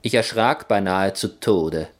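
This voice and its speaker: A man reading a children's adventure story aloud in first person, with expressive, playful delivery. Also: sits low, measured pace. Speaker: narrator.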